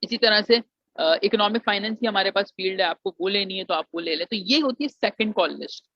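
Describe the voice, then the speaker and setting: A Pakistani man's high voice moves fairly quickly as he gives admission advice drawn from his engineering background in an informal explanatory talk. His Urdu is sprinkled with English phrases, and he calls students "beta." The recording has no echo and sounds dry and muffled.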